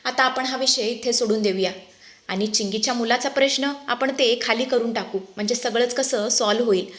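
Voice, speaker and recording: A woman voicing a middle-aged aunt who placates and persuades in a soft, calculating way. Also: on the high side, normal speed, reverberant, close to an everyday voice. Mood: placating.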